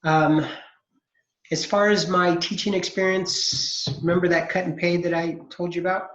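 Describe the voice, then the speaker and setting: This is a casual online class intro from a forty-something accounting instructor from California, speaking in an easygoing, chatty way with frequent fillers. His voice is high-pitched and moves at a moderate pace. It's recorded through a computer mic, so the video-call audio comes across echoey and dull.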